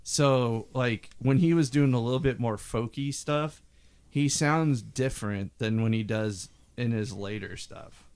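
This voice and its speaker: Guy chatting about an old record, smooth voice, tells stories and does little impressions. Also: medium pitch, unhurried, darkish tone. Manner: rambling storyteller, mimics singing and quotes. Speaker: podcast co-host. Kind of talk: casual album discussion.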